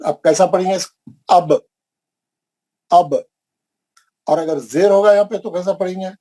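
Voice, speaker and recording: A man's voice: high voice, fairly even intonation, mellow, poor audio. A man teaching an online Quran recitation class, repeating points and quizzing his students. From India. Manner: repetitive, questioning, drilling the class.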